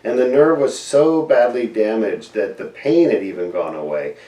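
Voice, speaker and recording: This surgeon's lowish, warm voice is expressive and moves at a normal speed as he questions his patient and explains procedures simply for viewers. The lo-fi sound comes from a far-off mic in an echoey space.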